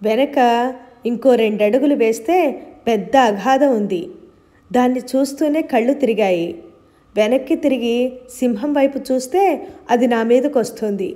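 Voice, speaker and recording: A woman's voice: a little high, moderate pace, pauses often, mellow, close to an everyday voice. A woman voicing a young wife, shaken and breathless after a nightmare, in a read-aloud novel.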